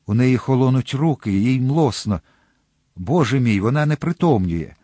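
A man's voice: medium pitch, lively intonation, moderate pace, warm tone, breathy edge, no echo, clean studio sound. A man voicing an ardent young swordsman in a storybook reading, with an urgent, exclaiming delivery. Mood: desperate.

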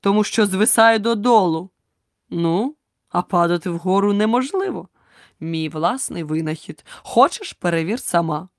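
A woman voicing an eccentric, clumsy male knight in an audiobook, speaking slowly with earnest self-importance. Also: on the low side, lively intonation, dry recording, studio quality. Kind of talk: audiobook character reading.

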